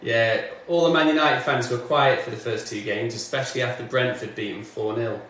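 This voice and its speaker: This man from northwest England is a music streamer chatting casually indoors in his home studio, responding to comments as he works. His mid-range voice is brisk, a bit bright, and fairly even in intonation, picked up by a distant mic in a very echoey room with faint background noise.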